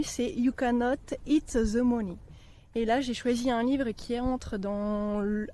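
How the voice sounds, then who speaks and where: A woman's voice: fairly high pitch, slight background noise, poor audio. Chatty woman vlogging outdoors. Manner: chatty, relaxed, often pausing mid-sentence. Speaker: book vlogger. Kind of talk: casual book chat while walking. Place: outdoors on a walk among trees.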